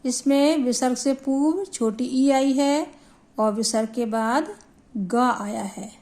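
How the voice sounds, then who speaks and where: Slow, high-voiced woman teaching Hindi grammar. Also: warm tone. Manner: slow, deliberate, spells out syllables. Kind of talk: classroom grammar lesson.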